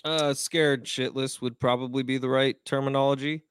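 Male co-host on a call, clear smooth voice, dry sound, candid and relaxed sports talk. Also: medium pitch, moderate pace, no room sound. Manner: blunt, candid and laid-back. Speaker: podcast co-host, sports commentator. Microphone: remote video call.

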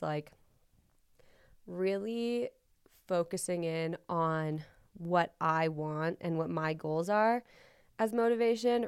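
A young woman, a ski racer hosting her own podcast, talks through her thoughts in a casual, rambling way with many likes and ums, and she is a little sick and hoarse. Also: deep voice, a little mellow, no echo, studio quality. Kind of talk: casual reflective monologue.

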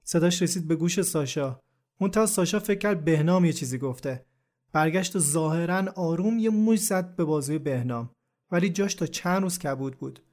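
A man narrates a true first-person story for a podcast in an even, reflective, scripted way. His voice sits slightly above the usual male pitch, and his delivery stays calm and measured throughout.

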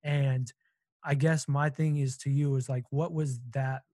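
Flat-toned man hosting a sports chat. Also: mid-range voice, measured pace, no room sound. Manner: asks long, rambling questions. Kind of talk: casual sports talk.

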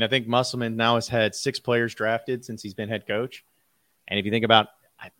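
A man's voice: mid-range voice, fairly bright tone, no room sound. A man talking sports casually as a commentator, conversational and repeating points for emphasis.

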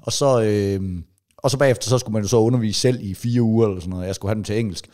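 A man's voice: fairly low pitch, fairly even intonation, mellow. A middle-aged man, a comedian co-hosting a podcast, telling rambling stories with lots of swearing and restarts. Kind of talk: casual chat, telling stories.

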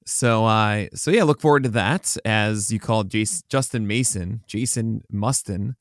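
A man co-hosting a podcast in casual chat, slightly hoarse, rambling and correcting himself as he goes. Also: fairly low pitch, measured pace, no room sound, studio quality. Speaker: podcast co-host.

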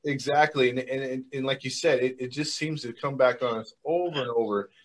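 A man's voice: medium pitch, steady tone, fairly quick. A man co-hosting a casual sports podcast, easygoing, with many fillers and restarts. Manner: laid-back, many fillers, agreeable. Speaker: podcast co-host.

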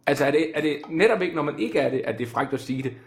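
A man with an animated, lively pitch trades banter as a guest. He drops dry wisecracks into the conversation. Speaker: comedian guest. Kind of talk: comedic banter.

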